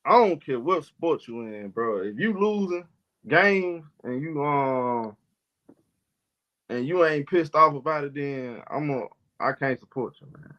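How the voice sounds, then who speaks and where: A man's voice: on the high side, animated, unhurried, highs cut off. A man hosting a casual sports talk live stream, loose and argumentative, talking back to his chat in slang.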